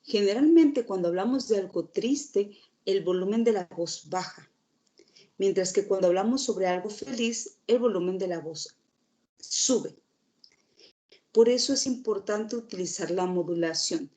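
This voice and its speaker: A woman's voice: mid-range voice, unhurried, dark tone. A woman teacher giving a recorded lecture, explaining steadily and asking the class rhetorical questions.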